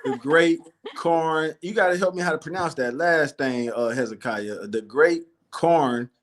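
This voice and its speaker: A man's voice: fairly high pitch, a little slow. A man, hosting a casual livestream chat and reading viewer comments aloud. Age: 40s. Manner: laid-back, reads viewer comments aloud. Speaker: show host.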